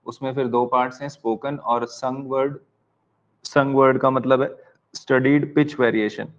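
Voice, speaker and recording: Slow-dictating Indian male teacher. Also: medium pitch, muffled recording. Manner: slow dictation, spelling words out letter by letter and repeating key lines; mixes Hindi and English. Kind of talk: online exam-prep lecture.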